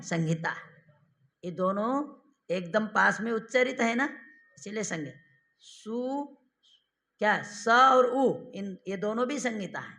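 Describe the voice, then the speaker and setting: Slow, gravelly-voiced man teaching grammar. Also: high voice, pushed and bright. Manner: quizzes listeners with questions and repeats definitions slowly. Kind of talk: classroom lecture.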